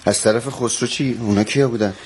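A man's voice: medium pitch, steady tone, a little hiss or hum, natural voice. An actor playing a concerned male friend in a radio drama, asking short probing questions.

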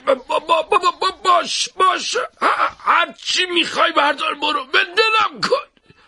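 A man voicing a hot-tempered, bullying male shopkeeper in an audiobook, with a shouting, threatening delivery. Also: high-pitched, big pitch swings, voice pushed up, exaggerated voice. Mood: choking, panicked. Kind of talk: audiobook character voice.

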